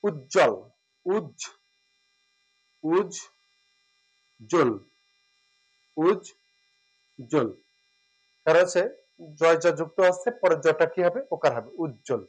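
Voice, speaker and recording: A man giving a spoken lesson, explaining step by step and repeating words slowly and drawn out. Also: on the high side, rough recording. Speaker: teacher.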